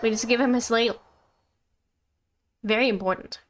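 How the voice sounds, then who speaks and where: Game music sits behind a woman whose voice is fairly high, with fairly even intonation and a moderate pace. She's streaming gameplay and chatting in a casual, playful, wandering way to viewers and to herself.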